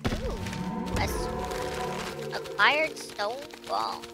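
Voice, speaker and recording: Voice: medium pitch, very animated, very slow, over loud music. A game streamer talking through a voice changer that disguises the real voice, chatting casually and asking chat for input while playing. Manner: chatty, thinks aloud and asks chat for input. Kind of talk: casual live gameplay commentary.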